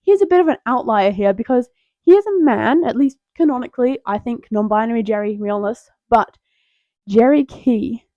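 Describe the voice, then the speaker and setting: A woman's voice: a little high, expressive, normal speed, no echo. Young female host, playful self-interrupting chatter, close dry lo-fi sound. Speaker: tier list video host. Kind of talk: casual rambling commentary.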